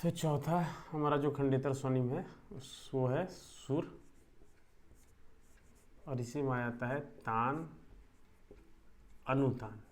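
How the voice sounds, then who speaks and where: A young man teaching an online class, explaining step by step with filler pauses and frequent check-ins. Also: medium pitch. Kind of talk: online lecture.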